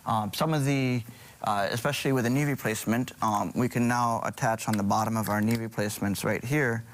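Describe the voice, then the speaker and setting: A man's voice: medium pitch, steady tone, brisk, slight background noise. A middle-aged man from Hawaii, a surgeon guest on a morning TV show, speaking hesitantly with many ums and restarts.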